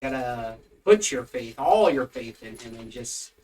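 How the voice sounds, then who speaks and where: Tired and yawning, a co-host of a casual home faith podcast rambles, teases, and gets easily sidetracked while talking about religion in a home room with pets. The medium-pitched voice is expressive and darkish at a measured pace, recorded from a distance.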